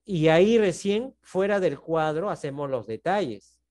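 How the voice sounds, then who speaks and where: A man with a Peruvian Spanish accent, teaching math over a video call. His voice sits a bit high. He walks through each step patiently and keeps checking that the class is following. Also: lively intonation, measured pace, darkish tone. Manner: patient, checks in often with "¿no?" and "¿está bien?". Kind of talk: online class explanation.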